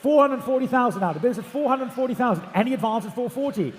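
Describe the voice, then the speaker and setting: A man's voice: very high-pitched, expressive, quick pace. A man working as an auctioneer, calling bids in a repetitive, projected chant of numbers at a live auction. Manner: repetitive chanting of figures, often loud and projected. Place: large auction hall. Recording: echoey hall PA with background noise.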